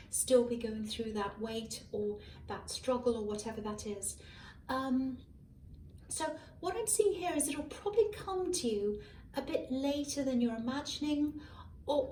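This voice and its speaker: An adult woman tarot reader with a hoarse, fairly high yet darkish voice rambles casually to camera, musing with many ums and correcting herself. She is far from a malfunctioning mic in an echoey room, with faint passing cars behind her.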